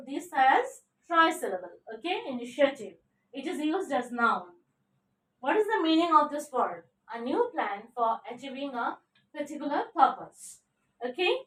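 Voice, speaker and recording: A woman's voice: high voice, a bit bright. A woman teaching an English vocabulary lesson, spelling out words letter by letter and often checking in with "okay?". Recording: echoey room, voice a bit far from the mic.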